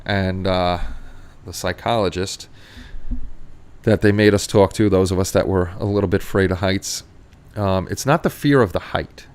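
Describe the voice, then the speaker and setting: Middle-aged man, clear Queens New York accent. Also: low-pitched, normal speed, darkish tone. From Queens, New York City, USA. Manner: rambling, repeats his phrases. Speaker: livestream host. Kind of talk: casual chat, reading and answering live chat.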